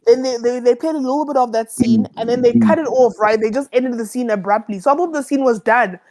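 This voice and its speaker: A woman's voice: a little high, quick pace, a little mellow, rough recording. A woman around thirty, co-hosting a casual TV review chat in an emphatic, exclamatory way. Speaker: co-host of a TV review show.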